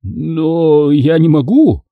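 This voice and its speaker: Reader playing a cowardly fussing dad, high whining voice, fretful. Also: male voice, very animated, moderate pace, breathy edge, no room sound, phone-quality sound, heavily acted. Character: fat panicky bald middle-aged father.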